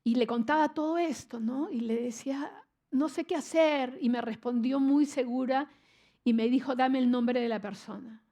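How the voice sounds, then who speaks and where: An older woman gives a church sermon, sharing a personal testimony earnestly and emotionally, often halting and restarting. Her voice is a little high, with a warm tone.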